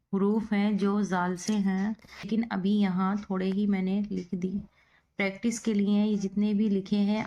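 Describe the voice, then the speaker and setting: A woman's voice: medium pitch, a little mellow. A woman teaching Urdu, spelling words out letter by letter and repeating each one. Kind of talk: slow spelling-out lesson.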